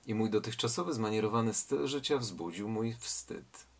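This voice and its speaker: A man's voice: lowish voice, normal speed. A man voicing a restless, lonely young fisherman who speaks in a plaintive, pleading way. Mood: ashamed.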